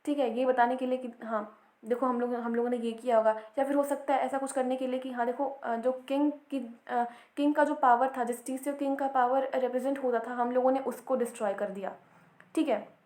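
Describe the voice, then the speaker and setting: A woman's voice: high voice, steady tone, fairly quick, a little mellow, echoey room. A woman teaching a history lecture, explaining step by step and checking in with her students as she goes.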